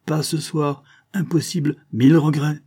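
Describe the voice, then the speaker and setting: A man's voice: on the high side, little pitch movement, moderate pace, mellow, pitched above the performer's own voice, lightly acted. A man voicing a sly, theatrical fairground showman who blackmails a count, speaking with grand emphasis. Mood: mocking, theatrical.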